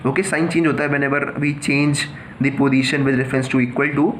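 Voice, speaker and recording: Speaking slowly in a medium-pitched, fairly bright voice with fairly even intonation, a man works through a math lesson step by step in a blend of Hindi and English. He calls his students children and keeps asking questions only to answer them himself. A little hiss or hum is audible.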